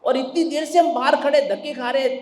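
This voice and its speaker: A man voicing an exasperated, furious middle-aged father who scolds his son in a rapid, shouting rush. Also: high-pitched, echoey room, lightly acted.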